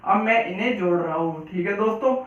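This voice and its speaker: Brief: male math teacher, high voice, patient and repetitive, recorded from far off with a muffled sound. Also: a little fast, fairly bright tone. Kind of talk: Hindi classroom-style lesson. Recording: echoey, distant, dull room sound.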